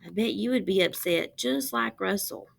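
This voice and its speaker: A woman with a creaky, mid-range voice reads a picture book to children, expressive and deliberate, pausing now and then to ask them questions.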